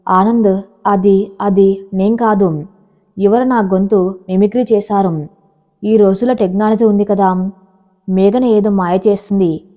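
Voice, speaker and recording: A scheming, harsh old mother-in-law who scolds and stubbornly defends herself, read by a woman narrator. The tone is mellow and soft-edged rather than bright. The recording is dull and lo-fi. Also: mid-range voice, steady tone, measured pace, pauses often, close to an everyday voice. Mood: stammering.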